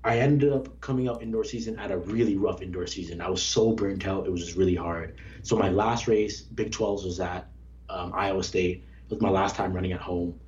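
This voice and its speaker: Young man, low-pitched, earnest, reflective, casual interview, muffled lo-fi audio. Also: steady tone, brisk, darkish tone, a little hiss or hum. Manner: earnest, reflective storytelling with restarts. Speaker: former Olympic track athlete, guest. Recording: dull lo-fi sound.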